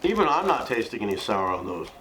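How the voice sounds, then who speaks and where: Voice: medium pitch, sing-song, quick pace, background noise. A person chatting casually and jokingly as a video co-host while eating and tasting sour candy.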